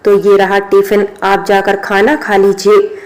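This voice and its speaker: Brief: an earnest young maid who takes offense easily, monotone, voiced by a woman narrator. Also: mid-range voice, measured pace, lightly acted.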